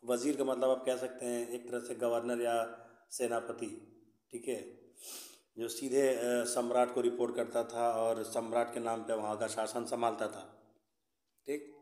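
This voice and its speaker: Male history tutor, mid-pitched, patient explaining voice, recorded in an echoey room. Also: little pitch movement, measured pace, darkish tone. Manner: repeats "theek hai", mixes English words. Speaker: history teacher. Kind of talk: explanatory lesson.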